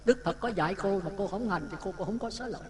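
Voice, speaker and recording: A man with a Southern Vietnamese accent, a Buddhist monk telling a lively story in a sermon and acting out the dialogue. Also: sits high, quick pace, a crowd in the background. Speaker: Buddhist monk giving a dharma talk. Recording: talk with audience sounds behind. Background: listeners laughing.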